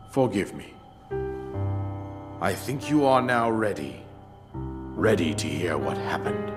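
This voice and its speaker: An older man playing a solemn, regal ghost king of a fallen kingdom, telling his story gravely in a video game cutscene. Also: rumbling low. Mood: grave, resolute. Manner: grave, stately, measured storytelling.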